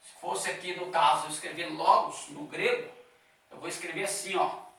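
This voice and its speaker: Teacher, male, high pitch, bright edge, leisurely lecturing pace; recorded far off in a roomy, reverberant space. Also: steady tone, moderate pace, gravelly. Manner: explains step by step, with frequent "tá?" and "ó" checks. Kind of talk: classroom lecture. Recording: echoey room, voice from a distance.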